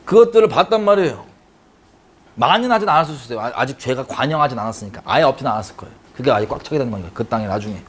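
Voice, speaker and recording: A man's voice: medium pitch, animated, rapid-fire, husky. A man teaching a Bible study, telling the story dramatically, acting out the characters' cries and putting questions to his listeners.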